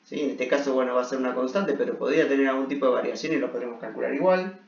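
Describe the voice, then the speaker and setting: A man's voice: medium pitch, very fast, creaky, a little hiss or hum. Echoey, distant man lecturing. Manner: frequent check-in tags while explaining. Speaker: engineering lecturer. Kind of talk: blackboard lecture, explaining a derivation step by step. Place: echoey room at a blackboard. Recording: echoey room, muffled, distant mic.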